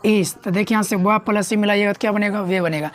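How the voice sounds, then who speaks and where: Woman teacher, grammar lesson, asks and answers own questions, mid-pitched voice. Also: steady tone, fast. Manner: repeats questions to students, coaxing.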